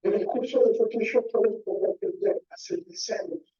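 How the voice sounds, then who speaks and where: A man's promotional pitch run through a metallic robot voice filter, addressing the listener directly. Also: moderate pace, dark tone, husky. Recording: dull lo-fi playback.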